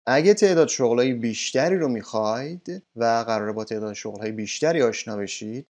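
A man giving a recorded English lesson, saying each word slowly and clearly, then explaining it quickly. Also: mid-range voice, lively intonation, a little mellow. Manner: slow, clearly stressed English words between quick spoken explanations. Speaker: English teacher.

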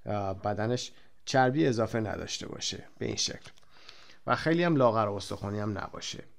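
A man with a Persian accent teaches an English lesson. He reads the English example sentences slowly and clearly, then explains them briskly in Persian. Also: lowish voice.

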